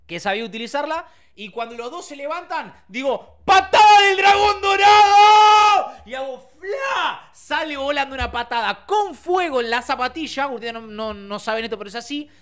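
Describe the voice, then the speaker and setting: Argentine dude hosting a stream from his room, goofy storytelling, yells sound effects. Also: very high voice, expressive, fairly quick, hardly any pauses. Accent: Argentine Spanish. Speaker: streamer host. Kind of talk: casual livestream chat. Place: home bedroom.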